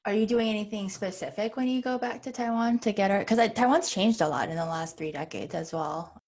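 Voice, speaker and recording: A woman who grew up in the United States, interviewing with curious, relaxed questions. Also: medium pitch, fairly quick. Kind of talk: casual interview chat.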